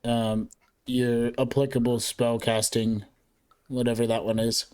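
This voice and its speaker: A man's voice: mid-range voice, measured pace, clear, resonant tone. A man talking in a casual, playful way while running a tabletop role-playing game. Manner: animated, playful.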